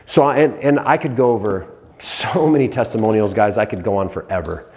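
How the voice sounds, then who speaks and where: A man, a hypnotist and coach, giving a fired-up motivational monologue who swears casually and jumps high in pitch when excited. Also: a little fast.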